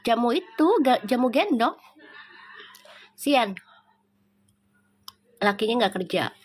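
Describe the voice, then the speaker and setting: A woman's voice: on the high side, lively intonation, takes it slowly, breathy edge. A middle-aged woman with a Betawi Jakarta accent, chatting casually with viewers on a tarot live stream, teasing and laughing often.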